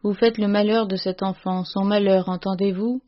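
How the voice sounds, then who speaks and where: A woman voicing a fierce, domineering old woman servant in a storybook reading, with loud, scolding outbursts, on a dull, lo-fi recording. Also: medium pitch, steady tone, normal speed, natural voice. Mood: indignant.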